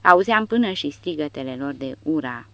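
A woman narrating an audiobook in a dramatic, expressive reading style. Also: low-pitched, no room sound. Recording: dull dry recording.

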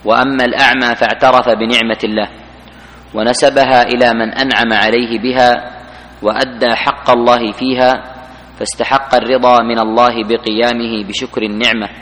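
Man reading a text aloud, flat monotone, reverberant mosque hall. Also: mid-range voice, a little hiss or hum. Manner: even, flat recitation of the text.

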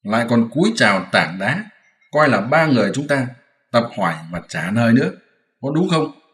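A man voicing a sharp, mocking monkey-king disciple who teases and scolds, in a storybook reading. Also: medium pitch, sing-song, normal speed. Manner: scolding, teasing, commanding. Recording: roomy echoey room.

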